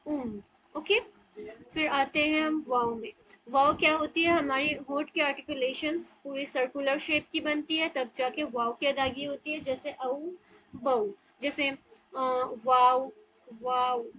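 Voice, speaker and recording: A woman's voice: sits high, sharp tone, dull audio. A woman teaching an online Quran recitation class, explaining step by step and often checking in with her students.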